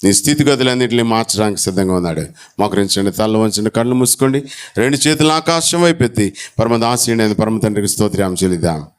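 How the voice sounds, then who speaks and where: A man preaching a sermon in church, calling out to the congregation and acting out conversations, his voice swinging from loud to low and soft. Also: fast. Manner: animated preaching, with sudden drops to a low, soft voice; acts out dialogue and calls to the congregation. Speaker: pastor.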